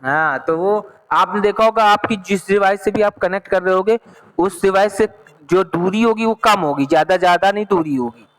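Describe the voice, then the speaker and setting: High-voiced male teacher explaining slowly. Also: poor audio. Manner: explains slowly, reads English text then repeats in Hindi; checks understanding often. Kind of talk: online class lesson.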